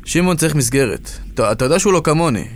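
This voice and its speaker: A man's voice: fairly high pitch, animated, slight background noise, lightly acted. An actor playing a hesitant, worried young man in a radio drama. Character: young man, troubled reformed friend.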